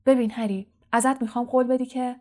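A woman reading aloud voices a kindly middle-aged father who keeps his voice low and hurried. He sounds earnest and concerned in a storybook reading, pitched a little high. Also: steady tone, dark tone, close to an everyday voice. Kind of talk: audiobook character voice.

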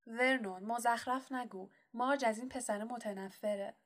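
A woman's voice: fairly high pitch, fairly bright tone, close to an everyday voice. A woman reading an audiobook, voicing a stern, bossy middle-aged aunt who scolds sharply. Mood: scolding.

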